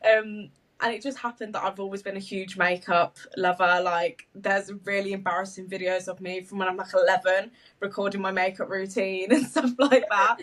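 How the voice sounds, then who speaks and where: A woman's voice: medium pitch, normal speed, hardly any pauses, distant mic. A young woman from the UK, a social media marketer, chatting casually on a podcast with lots of fillers and laughter. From United Kingdom. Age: young adult. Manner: chatty, animated, laughs often, many fillers.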